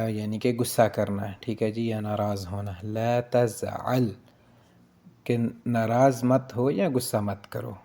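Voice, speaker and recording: A man leads a casual language lesson in a soft, dark-toned voice. He moves at an unhurried pace, repeating each phrase and checking in with "ठीक है जी" as he goes. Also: medium pitch. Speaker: language teacher.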